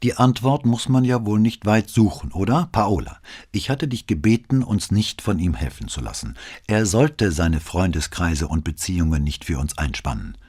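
A man's voice: low voice, lively intonation, normal speed, a little mellow, breathy edge, voice pushed up. A man voicing a tired, brooding middle-aged police detective who speaks tersely in an audiobook. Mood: angry. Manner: terse, defensive, then apologetic. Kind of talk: audiobook reading.

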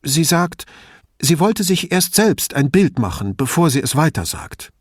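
A man's voice: a little high, sing-song, no room sound, studio quality, pitched above the performer's own voice. A man voicing a worried, defensive woman professor who talks about her son in a storybook reading. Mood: anxious. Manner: tense and quick to bristle.

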